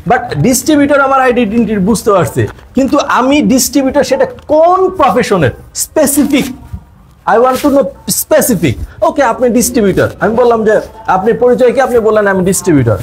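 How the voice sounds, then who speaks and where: High-voiced Bangladeshi man teaching a seminar. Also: animated, normal speed. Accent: Bangladeshi Bengali. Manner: quizzes the audience, repeats his points, mixes in English phrases. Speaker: direct-selling business trainer. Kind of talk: live seminar talk to an audience.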